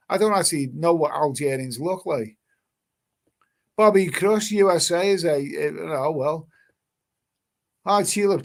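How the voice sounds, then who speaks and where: Guy on a live stream, fairly high voice, rambles and repeats words, swears a bit. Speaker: live stream host reading chat. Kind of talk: casual live stream chat. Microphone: webcam stream mic.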